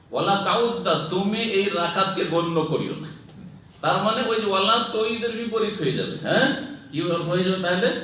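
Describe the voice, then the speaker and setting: A man's voice: fairly high pitch, pushed and bright. A man with a Bangladeshi Bengali accent, an Islamic scholar giving a lecture who explains points and quizzes his listeners. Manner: explanatory, asks the audience questions. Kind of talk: scholarly sermon to a live audience. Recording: echoey room, from far off, faint hum.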